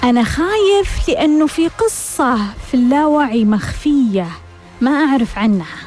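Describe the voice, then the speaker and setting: A woman's voice: high voice, animated, moderate pace, darkish tone, faint music behind. A woman hosting a self-help radio talk, asking rhetorical questions and repeating them for emphasis. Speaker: radio host.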